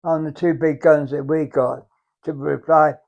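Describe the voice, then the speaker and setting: An English accent marks this very old man from England, near 100, as he reflects unhurriedly on his time as a veteran for an oral history. His fairly high voice is steady, creaky, and a little mellow, and he halts often and repeats phrases. Muffled, dull lo-fi sound throughout.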